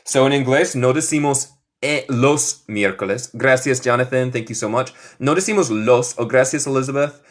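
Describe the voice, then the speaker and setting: A man teaches through in a live online lesson, speaking at a very slow, unhurried pace. His pitch sits in an ordinary middle range. He drills phrases patiently and switches easily between the two languages. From United States. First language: English. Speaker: English teacher.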